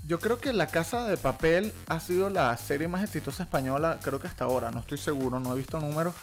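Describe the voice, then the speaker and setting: A man's voice: fairly high pitch, fast, faint music behind. A man in a joking, slangy casual chat as a podcast co-host.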